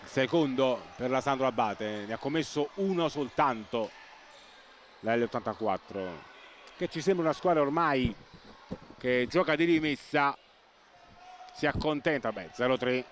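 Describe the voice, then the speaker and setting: Male sports commentator, breathless and urgent play-by-play, insistent repetition, medium-pitched, over noisy indoor match ambience. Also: unhurried, pauses often. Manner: excitable, repeats words and names for emphasis. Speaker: live futsal match commentator.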